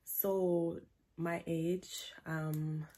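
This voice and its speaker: A woman's voice: lowish voice, extremely slow, breathy edge. Laid-back Jamaican woman in her twenties. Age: 20s. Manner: relaxed, playful, drifts into patois. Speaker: vlogger. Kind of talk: casual Q&A vlog. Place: bedroom, indoors. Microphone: camera at close range.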